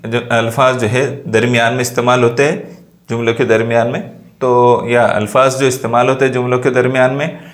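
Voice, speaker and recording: A man's voice: medium pitch, flat delivery. Male teacher, mid-range voice, patient step-by-step explainer, keeps checking understanding. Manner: explains slowly, with frequent check-ins. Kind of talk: classroom lesson.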